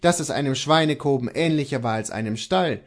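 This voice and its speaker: A man narrating classic literature as an audiobook reader, dropping low for speech tags. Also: a little fast.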